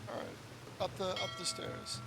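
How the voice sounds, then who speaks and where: A woman's voice: normal speed, very noisy. A woman streamer giving casual, sardonic, profane commentary while playing a game, often muttering to herself.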